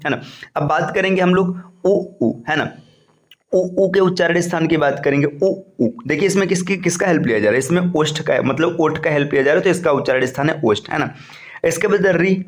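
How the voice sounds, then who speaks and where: Hindi grammar teacher with a fairly high voice. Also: male voice. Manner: explains slowly and repeats, with frequent "है ना". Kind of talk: online exam-prep lecture.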